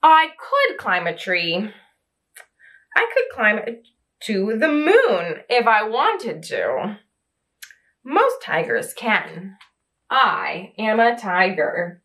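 A small mouse from a picture book, convinced it is a tiger, stretching out each word with calm conviction, as a woman puts it on. The voice is bright and ringing. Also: medium pitch, very slow, long pauses, full character voice. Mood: insistent.

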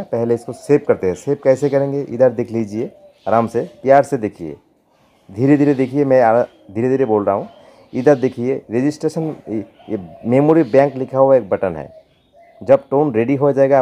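A man hosting a keyboard tutorial, talking slowly and repeating himself, pleading with viewers. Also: mid-range voice, warm tone. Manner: slow, repetitive, pleading.

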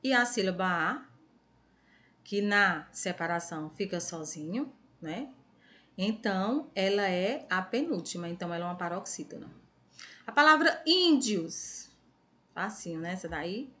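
A woman's voice: lowish voice, lively intonation, normal speed, pushed and bright. A Brazilian woman teaching a recorded online class to young children, reading words syllable by syllable and cheering the kids on. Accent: Brazilian Portuguese. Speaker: primary school teacher.

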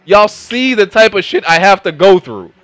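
A man streaming a game, loudly ranting and repeating himself at his teammates, worked up and near-hysterical. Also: high-pitched, animated, moderate pace, no room sound. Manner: loud, exasperated, repeats himself, yells at teammates. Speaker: gaming streamer. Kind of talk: ranting live stream commentary.

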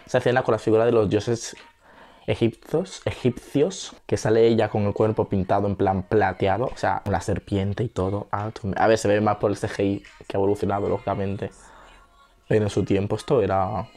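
A man's voice: little pitch movement, fairly quick, a little mellow. Chatty Spanish-accented man reacting. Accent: Spain Spanish. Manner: chatty, breaks into high-pitched squeals and gasps. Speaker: video reactor. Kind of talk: casual reaction commentary.

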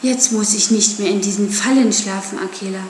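A woman's voice: medium pitch, fairly even intonation, fairly quick, a little mellow, roomy sound, a little hiss or hum, lightly acted. A woman voicing a defiant wild boy raised by wolves, scornful and taunting. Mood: resolute.

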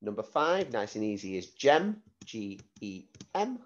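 A man speaking as a primary school teacher, giving slow, deliberate spelling dictation, repeating words and spelling them out letter by letter. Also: fairly low pitch, sing-song, highs cut off.

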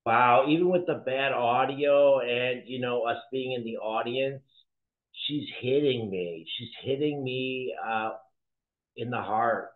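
A man's voice: mid-range voice, takes it slowly, phone-quality sound. A man hosting a music reaction, talking casually and rambling as he thinks aloud.

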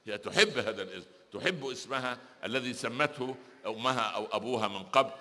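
A man's voice: mid-range voice, fast talker, bright, forceful tone. A middle-aged man with an Egyptian Arabic accent, preaching a lecture with humorous stories and asking the audience rhetorical questions. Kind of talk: religious lecture with humorous anecdotes. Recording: long hall reverb.

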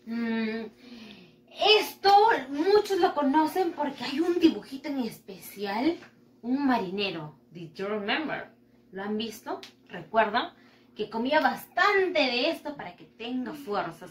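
A woman teaching English to young children in a bilingual lesson, speaking slowly and patiently, drawing out each word and praising often. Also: fairly high pitch, very animated, echoey room. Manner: slow, patient, exaggerated pronunciation with frequent praise. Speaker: primary school English teacher.

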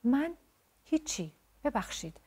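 A woman voicing a gentle, shy and polite young boy in a storybook tale. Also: high voice, big pitch swings, voice pushed up. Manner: soft-spoken and polite.

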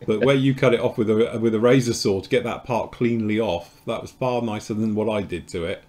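A man hosts a casual live show about model kits, rambling and chatting loosely as he explains things. His voice is fairly low and steady in tone, a little mellow, and fairly quick.

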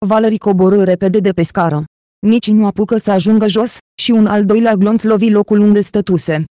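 Mellow-voiced audiobook narrator. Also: mid-range voice, fairly even intonation, no echo, clean studio sound. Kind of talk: scripted narration.

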